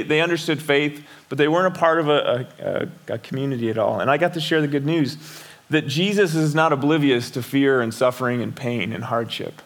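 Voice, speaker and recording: A man's voice: a little high, fairly bright tone. A middle-aged man preaching a sermon as a pastor in a conversational way, often repeating words and asking the listeners questions.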